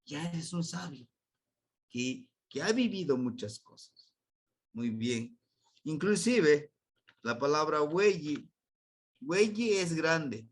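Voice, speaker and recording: Slow, patient Mexican man teaching. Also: expressive, breathy edge. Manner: patient, explanatory, voice leaps high on key words. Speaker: Nahuatl language teacher. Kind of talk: unscripted lesson.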